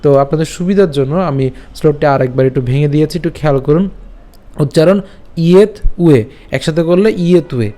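A man's voice: on the high side, dark tone. Patient man teaching verse pronunciation. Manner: patient, breaks verses into syllables, repeats slowly. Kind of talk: online recitation lesson.

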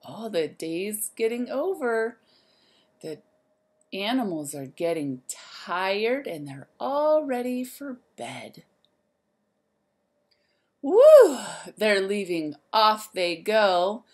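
A woman in her thirties, a teacher, reads a picture book aloud to young children in a sing-song manner, addressing them directly. Her voice is a little high.

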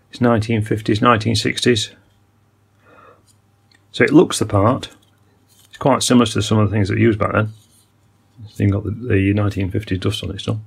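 An older electronics repair hobbyist muses aloud at an indoor workbench while repairing vintage gear by hand. He talks technically in a gravelly, husky, lowish voice, full of ums and uhs.

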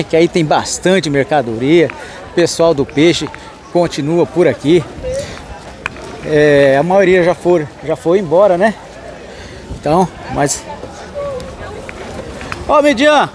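A man from Mato Grosso do Sul filming a walking tour of an outdoor street market, greeting vendors and thanking his followers. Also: high-pitched. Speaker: market vlogger.

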